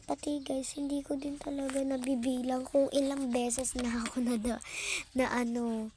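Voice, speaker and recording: A woman's voice: sits high, level tone, moderate pace, warm tone, a little hiss or hum. A young woman, casually commenting on her gameplay, stumbling over words and apologizing. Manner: stammering, apologetic, self-laughing. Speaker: gaming YouTuber.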